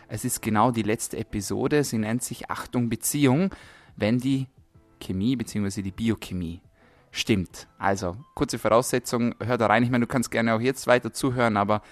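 A man hosts a health podcast in a relaxed, chatty way. His voice sits at a middle pitch, and faint music plays softly behind him. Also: dry recording. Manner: friendly, chatty, repeats his welcomes. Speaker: podcast host. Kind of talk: casual podcast interview.

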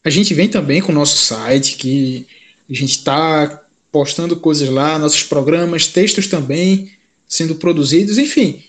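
A man's voice: fairly high pitch, unhurried. A man hosting a sports podcast in an informal, colloquial way. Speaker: podcast host. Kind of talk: casual sports podcast talk.

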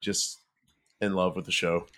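A man co-hosting a podcast who speaks in an animated, excitable way during casual chat. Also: low voice, a little slow. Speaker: podcast co-host. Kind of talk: casual discussion.

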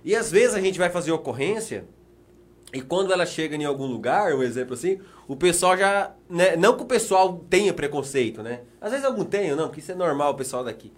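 A man's voice: a little high, animated, fairly quick. A Brazilian man co-hosting a live show, telling stories in casual chat and laughing easily. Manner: chatty, storytelling, laughs easily.

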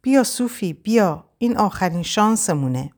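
A woman reading the part of a desperate young captive in an audiobook, her voice kept low and urgent as she presses her friend to flee. The tone lifts somewhat above the reader's own and swings widely from line to line. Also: lively intonation, natural voice. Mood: pleading. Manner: urgent, hushed pleading. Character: desperate young Frenchwoman, captive, urging escape.

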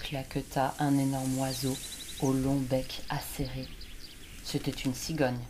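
A woman reading a children's story aloud, gentle and expressive, with birds singing behind her. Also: extremely low pitch, a little slow, background noise. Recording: birdsong in background.

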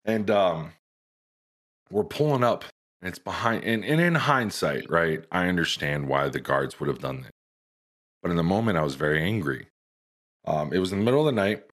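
Low-voiced man telling a profane story. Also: lively intonation, normal speed, long pauses. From United States. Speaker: podcast host. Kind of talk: casual storytelling among friends.

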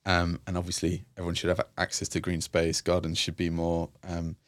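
A man with a very low, deep voice talks through his work in a thoughtful, halting way, often circling back with fillers and restarts. The sound is close and dry, with no room behind it. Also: monotone, no echo. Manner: reflective, frequent fillers and restarts. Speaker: youth and community worker, guest. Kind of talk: conversational interview.

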